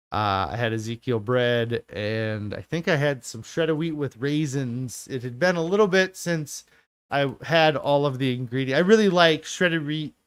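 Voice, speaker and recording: A man giving a casual spoken diet update as a vlogger, halting with many fillers and restarts. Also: mid-range voice, smooth, dry recording.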